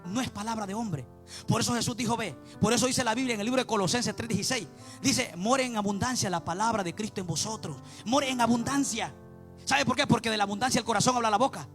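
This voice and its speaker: Fervent high-voiced man preaching. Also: quick pace, a bit bright, faint music behind. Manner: impassioned, repeats "mi amado hermano", chants some lines. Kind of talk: sermon.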